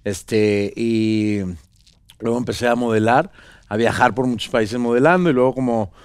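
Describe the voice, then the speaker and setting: A man in his thirties with a Venezuelan accent, a guest actor talking casually in an interview, relaxed and rambling with many fillers and restarts, on a studio set with a headset mic. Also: mid-range voice, moderate pace, smooth, dry recording. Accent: Venezuelan Spanish. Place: pink-decorated talk show studio set. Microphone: small headset mic.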